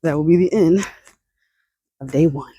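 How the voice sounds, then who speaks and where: A woman vlogs casually into her phone, her voice low and steady. She laughs often and sighs between her thoughts, and she is a little out of breath from walking. The sound is dry and close, with no room echo. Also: normal speed, breathy edge. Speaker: vlogger. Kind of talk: casual chat. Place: outdoors on a roadside sidewalk.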